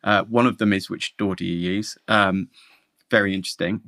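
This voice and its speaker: A man's voice: sits low, steady tone, normal speed, a bit bright. A man hosting a podcast, asking guests questions in casual chat with a dry, joking manner. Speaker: podcast host.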